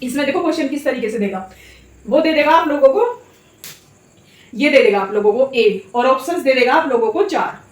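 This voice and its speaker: High-voiced woman teaching in an echoey room. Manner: repeats sounds aloud and asks checking questions. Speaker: Hindi teacher. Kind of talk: classroom lesson on vowel articulation.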